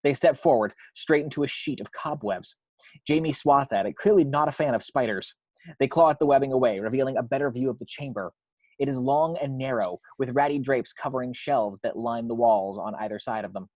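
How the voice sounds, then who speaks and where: Narrating a screenplay's action lines, a man builds suspense with a measured delivery. His voice is medium in pitch and darkish in tone, captured dry without echo or room sound, though the recording is rough.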